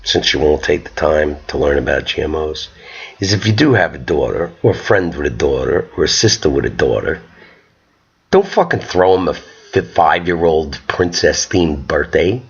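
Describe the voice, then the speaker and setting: A man doing a profane stand-up comedy rant, jumping into shrill voices to act out characters. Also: lively intonation, moderate pace, breathy edge, highs cut off. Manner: profane, ranting, acts out characters in sudden high voices.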